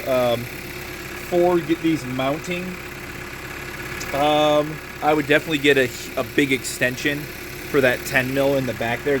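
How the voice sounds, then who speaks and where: A man's voice: mid-range voice, background noise. A man filming a casual do-it-yourself car video, rambling wryly and breaking into profane rants. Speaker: DIY car-modding vlogger. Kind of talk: casual self-filmed how-to chat. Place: garage and inside a car.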